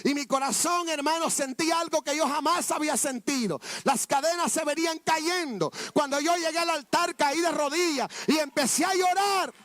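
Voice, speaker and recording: A man's voice: very high voice, normal speed, few pauses, a bit bright, dry recording. A man preaching a sermon testimony, fervent and repetitive, often calling out to his listeners as brothers.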